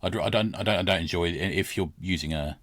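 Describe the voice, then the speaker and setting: A man's voice: sits low, fast, fairly bright tone, no room sound. A man hosting a podcast in an easygoing chat, often ending with tag questions. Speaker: podcast host. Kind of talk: casual chat.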